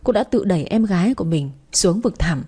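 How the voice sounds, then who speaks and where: A woman's voice: fairly low pitch, lively intonation, fairly quick, dark tone, husky. A woman narrating a dramatic story in the first and third person, voicing all the characters herself.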